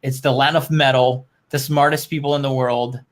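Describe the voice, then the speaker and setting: A man's voice: medium pitch, level tone, normal speed, heavy background noise. A man co-hosting a show in casual chat, rambling and opinionated, with loose, sweary phrasing. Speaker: show co-host.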